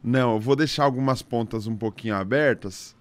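A man with a Brazilian Portuguese accent hosting a casual podcast interview, talking in a slangy, halting way full of restarts. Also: mid-range voice. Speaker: podcast host.

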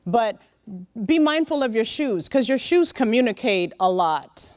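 Middle-aged woman, workshop speaker, direct and lively, handheld mic, dry close sound. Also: on the high side, measured pace, no room sound. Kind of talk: motivational professional-development talk. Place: large hotel conference room, indoors. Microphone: handheld microphone.

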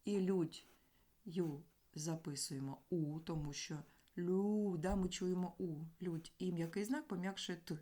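A woman teaching a grammar lesson, explaining sounds deliberately and sounding out letters and words one by one. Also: lowish voice, fairly even intonation, mellow.

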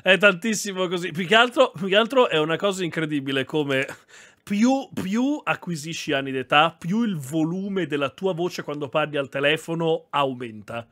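A young man hosting a live stream, talking in an animated way and thanking his chat as he goes. His voice sits high and swings widely up and down, with a bright, sharp edge. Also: moderate pace.

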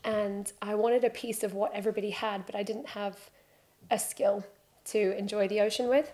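With a warm, mid-range voice, fairly even intonation and a moderate pace, a British woman in her thirties tells her story as a guest on a podcast. She's a freediving instructor, seated on a studio sofa by a plain wall with headphones and a desk mic close by, joking at her own expense in relaxed conversation.

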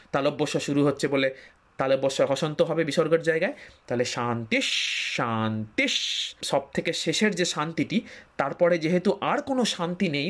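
Patient man teaching mantra chanting. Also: a little high. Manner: patient, explanatory, often checks understanding, slows to chant syllables. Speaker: meditation and Vedic chant teacher. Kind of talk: spoken instruction on breathing and mantra chanting.

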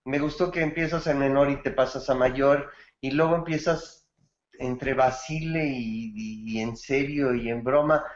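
A man's voice: medium pitch, fairly even intonation, a little slow, roomy sound, lo-fi sound. A man teaching songwriting gives feedback on a student's bolero, praising it and explaining grammar with song examples. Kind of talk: feedback in an online class.

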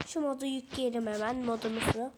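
A woman's voice: on the high side, steady tone, brisk, very noisy. A woman chatting exasperatedly to herself while showing a game on her phone, recorded through the phone's own mic. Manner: exasperated, rambling, talks to herself. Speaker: mobile gamer showing game settings. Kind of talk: casual screen-recorded gameplay chat. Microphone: phone microphone during screen recording.

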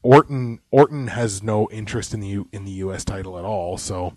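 A man's voice: lowish voice, steady tone, brisk, darkish tone, slight background noise. A man co-hosting a casual wrestling podcast while sick, opinionated and rambling, sometimes dropping to muttered asides. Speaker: podcast co-host.

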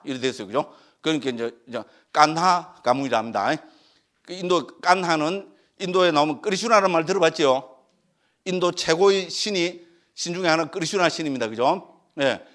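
A man's voice: a little high, a bit bright. A middle-aged man with a Gyeongsang Korean accent, a Buddhist monk lecturing on scripture and constantly tossing rhetorical questions to his listeners. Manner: peppers talk with rhetorical questions.

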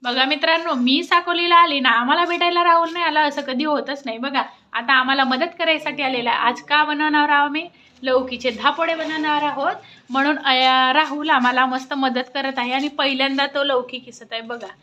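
Young woman, home vlog on phone, high voice, sing-songy with the little one. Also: steady tone, a little fast, sharp tone, dull audio, a little hiss or hum. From Sakoli, Maharashtra. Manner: chatty, coaxing a toddler in sing-song tones. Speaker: family vlogger. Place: family home indoors.

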